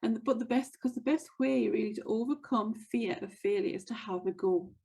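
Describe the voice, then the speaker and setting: A woman's voice: fairly high pitch, normal speed, creaky, a little mellow, husky, rough recording. A woman hosting a motivational wealth podcast, speaking in an earnest, encouraging way and repeating her key phrases. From United States. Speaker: podcast host and wealth coach. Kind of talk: motivational monologue.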